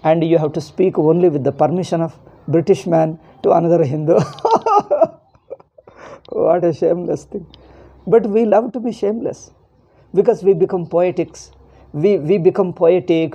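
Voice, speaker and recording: A man's voice: a little high, warm tone. A man in his sixties with a South Indian accent, a swami giving an informal, emphatic spiritual discourse and repeating phrases for stress. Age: 60s. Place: small indoor room. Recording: dull lo-fi phone recording.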